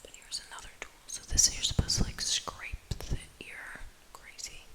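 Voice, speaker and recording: A woman esthetician whispering casual ASMR chat, rambling with lots of filler words in a breathy unvoiced whisper. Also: moderate pace, bright, forceful tone.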